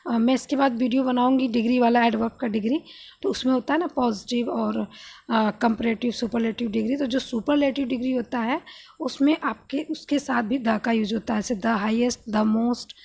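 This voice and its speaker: A woman's voice: fairly high pitch, steady tone, normal speed, creaky, a little mellow, husky. A woman teacher patiently explaining a grammar lesson, often asking her students questions and answering them herself.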